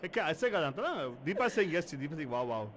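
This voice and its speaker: A man's voice: a little high, big pitch swings, quick pace, a bit bright, slight background noise. A man hosting a call-in radio show, teasing callers and mixing Hindi with English. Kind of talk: playful call-in radio banter.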